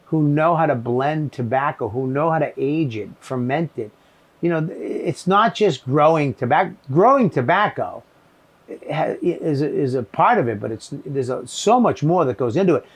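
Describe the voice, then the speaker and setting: A man's voice: fairly high pitch, lively intonation, normal speed. Man with a Boston accent, chatting. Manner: rambling, swears a lot, gropes for words. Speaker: podcast host, comedian. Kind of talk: casual chat. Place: shed with cigars.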